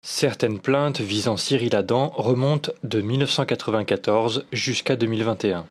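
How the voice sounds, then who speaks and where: A man reading a scripted documentary voice-over in a measured, dryly critical manner. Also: mid-range voice, husky. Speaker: documentary narrator. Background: music.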